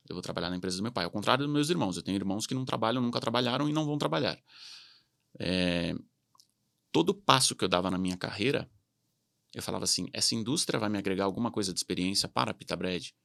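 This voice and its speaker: A man's voice: on the low side, gravelly, pushed and bright, no room sound, clean studio sound. A Brazilian businessman in his thirties, speaking with a Brazilian Portuguese accent, telling candid stories full of quoted dialogue in a casual interview. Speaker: company CEO, podcast guest.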